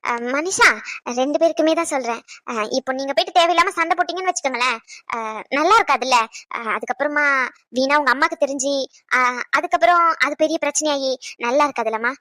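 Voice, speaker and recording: A man voicing an anxious young man in a cartoon who tries to smooth things over, talking in a pleading, fretful way. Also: high voice, sing-song, quick pace, bright, forceful tone, no room sound, heavily acted. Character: anxious young man, peacemaker, easily flustered. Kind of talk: cartoon voice acting.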